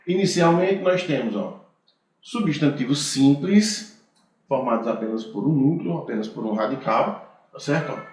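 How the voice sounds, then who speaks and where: Male teacher, Brazilian accent, grammar lesson, checks in often, heavy room echo. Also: a little high. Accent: Brazilian Portuguese. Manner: explains step by step, frequent "tá certo?" checks. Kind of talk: grammar lecture. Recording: very echoey room.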